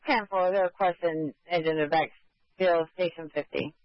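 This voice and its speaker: A man's voice: fairly high pitch, steady tone, normal speed, dry recording. A man working as a fire dispatcher, giving terse acknowledgements over the radio. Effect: two-way radio. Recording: dull lo-fi radio channel.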